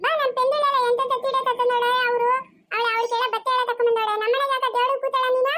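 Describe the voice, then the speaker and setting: A woman's voice: extremely high pitch, flat delivery, rapid-fire, bright, forceful tone, no room sound, clean studio sound, voice pushed up. Woman doing a whiny little girl. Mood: pestering. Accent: Chikkaballapur Kannada. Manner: whiny, demanding questions. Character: bossy little girl pestering grandma.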